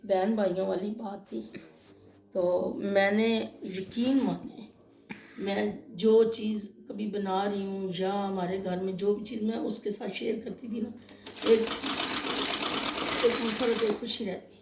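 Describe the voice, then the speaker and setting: A woman's voice: medium pitch, steady tone, a little mellow, echoey room, a little hiss or hum. A woman with a Pakistani Urdu accent, telling a personal story in a casual vlog, emotional and hurt. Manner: emotional, tells of a quarrel, acts out both sides. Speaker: vlogger.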